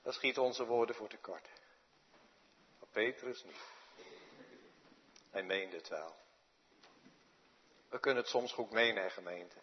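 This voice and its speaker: A man preaching a sermon in a church, slow and dramatic, with sudden hushed drops. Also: fairly low pitch, highs cut off, a little hiss or hum. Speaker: pastor.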